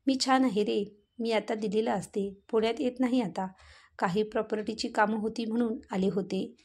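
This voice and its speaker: A woman's voice: fairly high pitch, steady tone, moderate pace, a little mellow. A woman voicing an affectionate old woman who fondly scolds and remembers, in a read-aloud story. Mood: warm.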